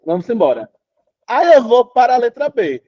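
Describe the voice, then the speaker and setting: High-voiced man teaching an online class. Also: very animated, moderate pace, mellow, no echo, muffled recording. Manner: chatty, asks students questions, sings out syllables.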